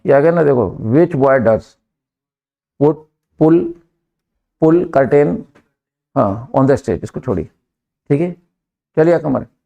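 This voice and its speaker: A man with an Indian accent teaching a live English class, drilling students and pushing them to answer quickly. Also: on the high side, gravelly, mellow.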